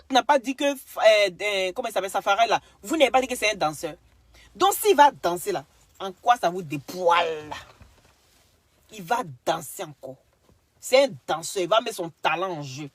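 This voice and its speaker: A woman ranting at someone in a clash video, scolding and insulting, swinging between loud outbursts and mutters, with bits of broken English. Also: mid-range voice, no echo. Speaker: social media commentator.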